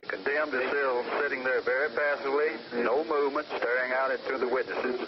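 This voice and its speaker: Male official, measured and formal, on an old muffled archival recording with heavy hiss. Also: mid-range voice, steady tone. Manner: measured, formal and matter-of-fact. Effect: old archival recording over a phone line. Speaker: prison official reporting an execution by phone. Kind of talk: steady step-by-step procedural commentary. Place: prison execution facility. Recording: muffled, hissy 1980s archival tape.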